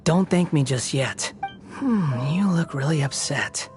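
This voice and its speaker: A woman's voice: low voice, animated, unhurried, loud music behind the voice. A woman voicing a bitter, haughty, androgynous young male puppet villain in a video game, with a sardonic, theatrical delivery. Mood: sardonic, guarded.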